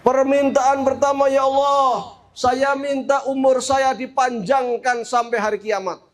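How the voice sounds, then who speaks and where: A Javanese-accented man voicing a proud, defiant male devil who pleads with God in drawn-out, stretched phrases. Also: very high voice, fairly even intonation, pitched above the performer's own voice. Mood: proud pleading.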